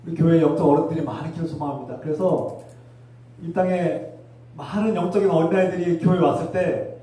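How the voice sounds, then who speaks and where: A man's voice: fairly high pitch, fairly quick, dark tone. A male pastor preaching a sermon in a church, fervent and exhorting, urging his listeners and leading them in call-and-response commands. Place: church sanctuary. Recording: very echoey church hall, mic far off.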